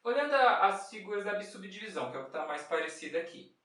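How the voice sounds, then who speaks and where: A patient music teacher walks through rhythms one bar at a time, posing questions and then answering them. The voice sits at an ordinary middle pitch and chants short rhythm syllables. It is picked up from a distance in a strongly echoing room. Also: big pitch swings, quick pace, bright, forceful tone. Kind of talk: step-by-step music lesson. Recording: very echoey room, mic far off.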